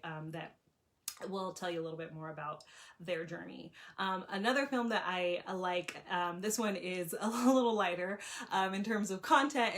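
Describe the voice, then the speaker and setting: Young woman vlogging travel tips, kinda low voice, lots of ums. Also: a bit bright. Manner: chatty, with frequent ums and restarts. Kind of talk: casual recommendations to camera.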